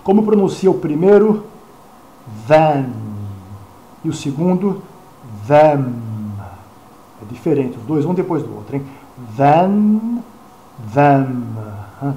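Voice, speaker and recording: A man's voice: mid-range voice, dark tone, roomy sound, a little hiss or hum, rough recording. A man with a Brazilian Portuguese accent giving a chatty English pronunciation lesson, full of rhetorical questions and repeated examples. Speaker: English teacher. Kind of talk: screen-recorded pronunciation lesson.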